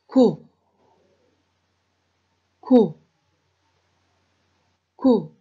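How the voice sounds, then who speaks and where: A woman's voice: medium pitch, expressive, extremely slow, dark tone, breathy edge, highs cut off. A woman teacher reading words syllable by syllable for young children. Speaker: primary school teacher. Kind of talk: televised reading lesson for children.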